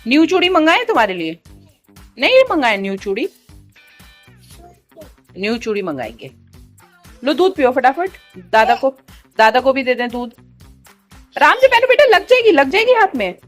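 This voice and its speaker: A high-pitched woman talking at home, switching between coaxing her little children and scolding them with playful threats. Between the kids' squabbles she chats casually to the camera, with faint music underneath. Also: sing-song, moderate pace, pauses often. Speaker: mother vlogging her day with three young children. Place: at home, indoors.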